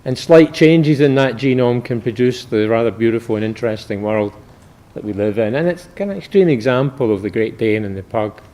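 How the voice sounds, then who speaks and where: A male medical researcher gives a public academic lecture, explaining things in a measured, informal way. His voice sits in the mid range and has a warm tone.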